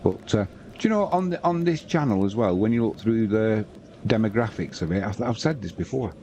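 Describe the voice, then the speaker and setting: Deep, warm and expressive, the voice belongs to a British man in his fifties who hosts and commentates on a relaxed football live stream. He chats slowly and without hurry, reading scores aloud, over a faint, constant hiss of background noise.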